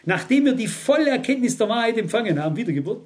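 A man's voice: extremely high pitch, very animated, quick pace, darkish tone. A man preaching a sermon, insistent and full of rhetorical questions to his listeners.

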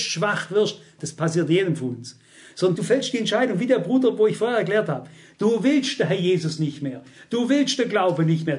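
A man's voice: high voice, darkish tone. A man preaching a sermon, insistent and full of rhetorical questions to his listeners.

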